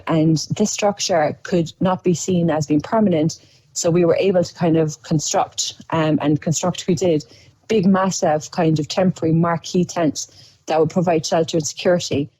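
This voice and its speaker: A woman's voice: lowish voice, dark tone, breathy edge, dry recording, poor audio. An Irish woman, an aid volunteer, explaining a building project in a hesitant documentary interview. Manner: hesitant, lots of ums.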